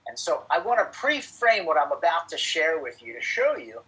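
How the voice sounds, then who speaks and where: Husky man coaching a webinar. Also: a little high, big pitch swings, moderate pace, pushed and bright, low-quality recording. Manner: emphatic, coaching, repeats key points. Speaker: webinar presenter for financial advisors. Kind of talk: live webinar presentation.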